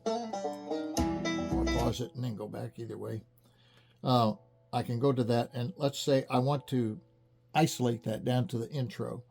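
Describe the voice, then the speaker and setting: Man in a home-made tutorial, easygoing and chatty, average pitch, faint banjo underneath. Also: unhurried, creaky, long pauses, breathy edge. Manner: relaxed, chatty explaining with small restarts. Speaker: music teacher demonstrating an app. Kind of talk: casual tutorial demonstration. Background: faint banjo music playing from the app.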